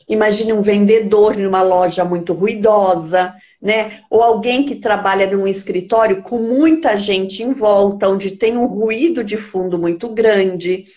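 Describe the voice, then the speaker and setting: A woman's voice: medium pitch, unhurried, hardly any pauses, darkish tone. A woman from Brazil, a speech therapist, explaining health topics patiently and often checking that listeners follow. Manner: patient, didactic, checks understanding with "tá?". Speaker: speech therapist answering questions.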